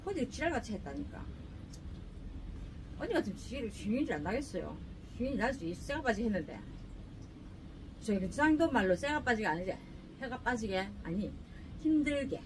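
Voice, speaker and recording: Middle-aged shopkeeper woman, high bouncy voice, chatty and pushy, heard from a distant camera with faint shop hum. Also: sing-song, normal speed, pauses often. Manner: chatty, joking, pushy seller. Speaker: clothing shop owner. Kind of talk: casual sales pitch. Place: clothing shop indoors. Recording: distant mic, faint room noise.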